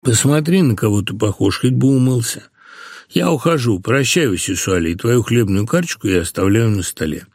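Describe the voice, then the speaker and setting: Brief: male reader playing a cool, curt wife, low and flat, a little gravelly. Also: normal speed, no echo, studio quality. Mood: irritated. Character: cool, irritated wife leaving her husband.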